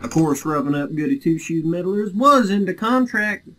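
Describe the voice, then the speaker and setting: A man voicing a swaggering male villain henchman from a video game, with a slow folksy drawl and tough talk. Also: sits high, expressive, a bit bright, voice pushed up.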